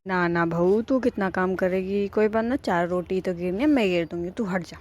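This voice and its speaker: A woman's voice: on the low side, moderate pace, a little mellow, lightly acted. A woman voicing a scheming, bossy old mother-in-law in a cartoon, scolding and nagging. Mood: falsely sweet. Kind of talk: cartoon voice acting.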